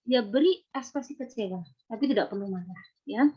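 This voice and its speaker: Woman, parenting seminar talk, fairly high voice, muffled lo-fi recording. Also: expressive, brisk, dark tone, slightly rough. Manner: explanatory, addresses the audience directly with rhetorical checks.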